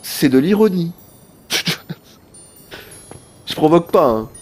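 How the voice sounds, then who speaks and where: Animated male game streamer, higher voice. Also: drawn-out words, slightly rough, soft background music. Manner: animated, talks straight to chat, swears casually. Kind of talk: live gameplay commentary.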